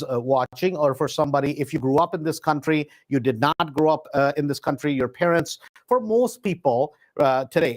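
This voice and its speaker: Man, middle-aged, grew up in India, webinar host, many fillers, emphatic repeats, slightly raised voice. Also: fairly high pitch. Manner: filler-heavy, stop-start delivery with many "uh"s; emphatic, repeats words for stress. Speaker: real estate investing host. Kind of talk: live webinar talk.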